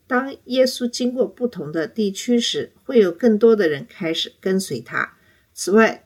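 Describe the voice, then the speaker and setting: A woman hosting a Bible teaching podcast, giving a scripted lesson and reading scripture aloud, with rising emphasis on the quoted cries. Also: mid-range voice.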